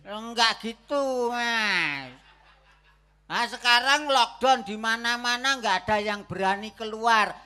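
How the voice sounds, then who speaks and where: Guy doing a sick broke husband, loud and fed up, slow talker, stage comedy. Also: very high voice, smooth, faint music behind, heavily acted. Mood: exasperated. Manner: loud, exasperated stage delivery. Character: poor sick husband, stubborn, moralizing. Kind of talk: stage comedy theatre acting.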